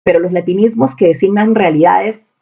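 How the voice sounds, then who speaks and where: A woman's voice: mid-range voice, moderate pace, creaky, mellow, breathy edge, dull audio. A woman teaching a recorded spelling lesson, stressing points by repeating key words.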